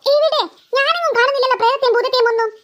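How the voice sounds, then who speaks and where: Scolding cartoon mother, voiced by a woman: brisk, scornful, very high-pitched. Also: fairly bright tone. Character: scolding mother, impatient and stern. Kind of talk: cartoon voice acting.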